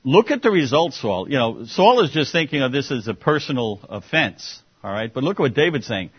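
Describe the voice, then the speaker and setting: Husky-voiced man teaching a Bible class. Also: mid-range voice, lively intonation, brisk. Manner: conversational, sarcastic asides, many fillers. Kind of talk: informal Bible study teaching. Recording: dull muffled classroom recording.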